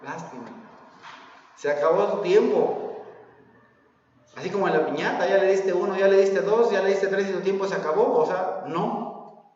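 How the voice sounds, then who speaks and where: A man with a Mexican Spanish accent preaching a sermon, animated, full of rhetorical questions and acted-out quotes. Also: sits high, brisk, very echoey, long reverb tail, recorded from a distance, muffled recording, a little hiss or hum. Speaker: pastor. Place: church hall.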